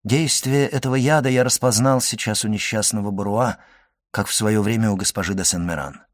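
A man reading a grave, hushed doctor. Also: on the low side, natural voice. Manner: solemn, measured, hushed. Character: grave middle-aged male physician, solemn, grim. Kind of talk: audiobook reading.

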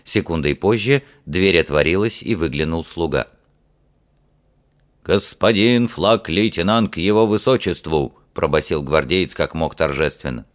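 A man narrating a fantasy audiobook in a measured, even storytelling manner. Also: rumbling low.

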